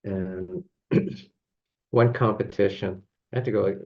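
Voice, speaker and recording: Middle-aged Canadian man, deep and gravelly, laughs through loose anecdotes, slightly dull lo-fi recording. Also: fairly even intonation, measured pace, darkish tone. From Toronto, Canada. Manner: chuckles often, loose rambling with many fillers. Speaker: judo coach and guest. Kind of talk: casual interview storytelling.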